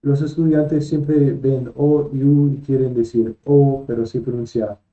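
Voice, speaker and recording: A man's voice: medium pitch, steady tone, unhurried, warm tone, highs cut off, soft background music. A man teaching a lesson, patiently naming each letter and repeating every example word. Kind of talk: slow lesson, spelling out letters and sounds.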